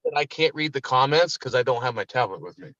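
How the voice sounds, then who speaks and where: A man's voice: medium pitch, expressive, fast, a bit bright, no room sound. Rambling, swearing man on a dull line. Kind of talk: casual chat. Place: parked vehicle, passenger seat. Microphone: phone.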